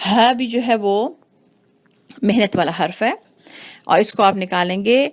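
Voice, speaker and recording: A woman teaching Quran recitation rules, explaining slowly and repeating each sound to demonstrate it. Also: medium pitch. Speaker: tajweed teacher. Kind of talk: patient recitation lesson.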